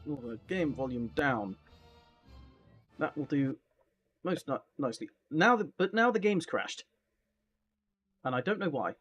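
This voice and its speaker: A man's voice: fairly high pitch, lively intonation, measured pace, pauses often, a bit bright, breathy edge, faint music behind. A man chatting casually as he hosts a live game stream, speaking into a headset mic.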